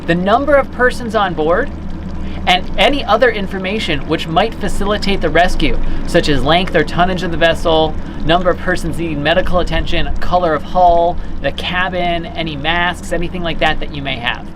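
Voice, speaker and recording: A man in his thirties, the operations director of a boat club, methodically explains procedures step by step in an instructional demonstration. He speaks at normal speed in a voice on the high side, recorded outdoors by the water at a dock or on a boat, with a noisy background.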